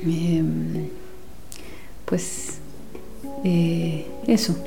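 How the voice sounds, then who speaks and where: A woman in her forties from Guatemala, a guest speaking softly in an interview and searching for words with many pauses and restarts. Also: sits low, flat delivery, vocal fry, music in the background. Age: 40s. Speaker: guest, women's companion and former teacher. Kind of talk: unhurried interview talk.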